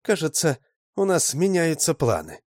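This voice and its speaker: Мужчина озвучивает спокойную девушку, невозмутимо, выше обычного. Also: male voice, a little high, normal speed, no echo, studio quality, pitched above the performer's own voice. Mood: calm. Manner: calm, matter-of-fact. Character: calm young woman, matter-of-fact.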